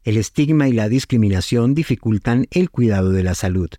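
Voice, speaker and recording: A man's voice: lowish voice, animated, brisk, dark tone, no echo, clean studio sound. A man reading scripted public-service narration as an announcer.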